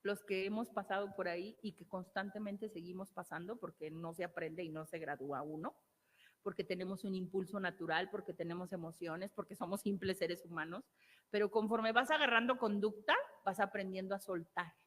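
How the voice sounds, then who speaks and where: Mexican woman therapist, emphatic motivational speaker, mid pitch, long hall reverb. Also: steady tone, a little fast, a bit bright. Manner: emphatic, repeats key phrases and asks rhetorical questions. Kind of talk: motivational talk.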